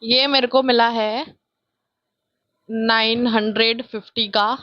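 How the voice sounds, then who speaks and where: A young woman from India with a childlike voice, chatting loudly and excitably through a casual vlog, filmed on a phone on a tripod. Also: on the high side, takes it slowly, no room sound, dull audio. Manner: chatty, self-mocking, loud and excitable. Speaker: vlogger.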